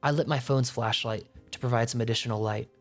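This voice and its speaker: A man's voice: medium pitch, fairly even intonation, fairly bright tone. Man narrating a horror story. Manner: tense, measured storytelling. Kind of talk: scripted first-person narration. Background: faint music.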